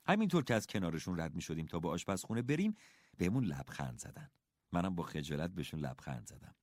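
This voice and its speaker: Expressive male audiobook narrator. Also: low voice, no room sound, clean studio sound. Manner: expressive storytelling in the first person.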